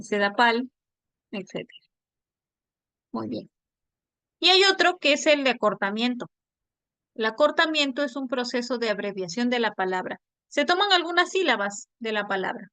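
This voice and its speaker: A woman language teacher gives an online class lecture on word formation in a slightly high, fairly bright voice. She explains patiently, often slipping in quick tag questions to make sure students follow. The sound is dry and close, with no room around it and no echo.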